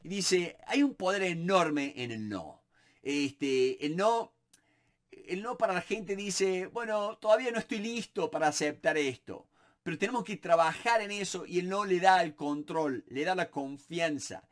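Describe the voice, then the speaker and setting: A middle-aged man with a Rioplatense Spanish accent, teaching negotiation in a casual monologue, lively and repeating words as he thinks aloud. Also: high voice, a little slow. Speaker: negotiation instructor.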